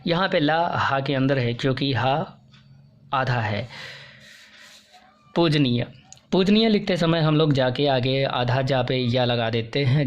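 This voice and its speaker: A male teacher from India going through correct and incorrect Hindi spellings for exam students, slowing down to stress each correct form. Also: mid-range voice, lo-fi sound.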